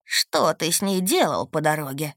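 A woman voicing a short, stocky old male gnome gatekeeper with a creaky voice and a mocking, gruff drawl in an audiobook. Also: sits low, animated, moderate pace, fairly bright tone, no echo, clean studio sound, voice pushed down. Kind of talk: audiobook character voice.

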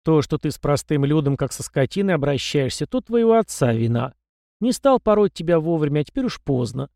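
A man reading an audiobook and voicing a stern middle-aged commander who scolds and scorns his young charge in a loud, raised voice. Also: on the high side, sing-song, brisk, creaky, no room sound, studio quality. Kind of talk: audiobook character voice.

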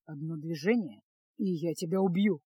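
A woman reading a storybook, voicing a gruff, sardonic male mage in a curt, grumbling manner. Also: mid-range voice, lively intonation, normal speed, no echo, clean studio sound. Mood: stern.

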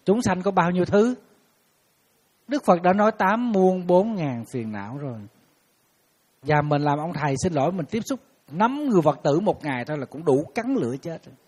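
Nhà sư nam giọng khàn, kể chuyện sôi nổi. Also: male voice, high voice, normal speed, long pauses, slightly rough. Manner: animated storytelling, acting out callers. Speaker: monk. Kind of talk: casual dharma talk. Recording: hall reverb.

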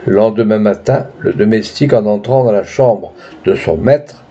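Man reading a story, mellow tone. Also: fairly low pitch, husky. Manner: measured, dramatic reading. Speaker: audiobook reader. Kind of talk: scripted narration. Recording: dull lo-fi with faint noise.

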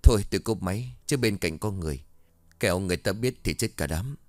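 A man's voice: low-pitched, animated, dry recording. A man voicing a scheming woman on the phone. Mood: hushed urgent. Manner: hushed, hurried instructions. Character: scheming woman giving orders over the phone.

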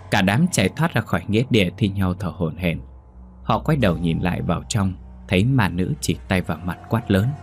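A man narrating a ghost story in a steady, dramatic storytelling manner. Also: low-pitched.

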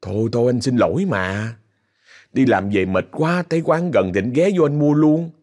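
A man's voice: medium pitch, animated, normal speed, darkish tone, natural voice. Man doing a meek, pleading young boyfriend. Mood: placating. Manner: pleading, placating.

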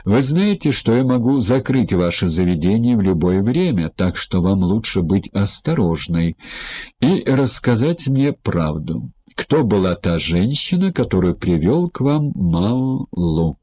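A man's voice: lowish voice, sing-song, measured pace, mellow, slightly rough, heavily acted. A man playing a stern, commanding older magistrate in an audiobook.

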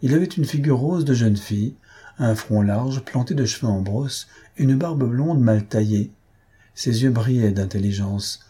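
Husky, mellow male narrator. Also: mid-range voice, unhurried. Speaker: audiobook narrator. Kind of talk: scripted narration.

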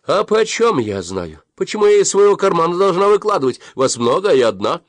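A man's voice: sits high, sing-song, a little fast, no echo, voice pushed up. A man reading a story aloud and voicing a stubborn shop saleswoman who refuses with indignation. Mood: indignant. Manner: indignant, unyielding.

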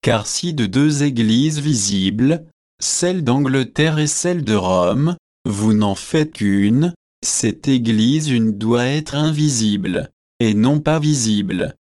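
A man's voice: medium pitch, animated, a little mellow, no echo, studio quality. A man voicing a witty young student who teases and argues, in an audiobook reading. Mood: arguing. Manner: teasing, quick to argue.

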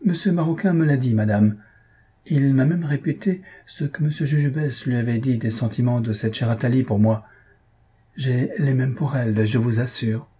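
A husky-voiced man reading aloud, voicing a polite, grateful young woman in a storybook. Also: mid-range voice, moderate pace, mellow, natural voice.

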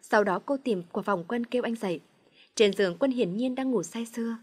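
A woman narrating a storybook in an even, unhurried reading voice. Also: a little high, husky.

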